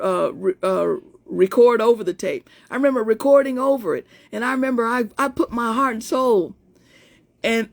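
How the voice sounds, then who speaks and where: Speaking on the high side with vocal fry, a life coach of about fifty tells her viewers a personal story during a casual live stream. Her voice is in-between rather than strongly feminine, and her talk is chatty, full of false starts.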